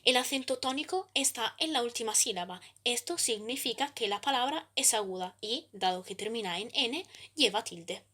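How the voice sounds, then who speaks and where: A woman reading a scripted grammar explanation as a student presenter, measured and steady, slowing down to spell out each example. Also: on the high side.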